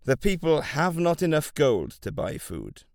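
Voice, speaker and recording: A man voicing a deferential royal chancellor who explains matters in a courtly, careful manner, pitched a bit above his narration. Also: huge pitch swings, measured pace, creaky, no echo, studio quality, full character voice. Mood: worried.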